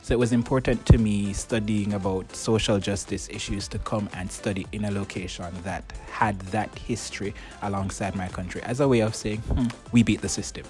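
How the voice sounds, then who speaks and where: A man's voice: on the low side, steady tone, brisk, hardly any pauses, darkish tone, soft background music. A young man with a Jamaican accent, answering interview questions in an articulate, reflective way. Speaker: interviewed student.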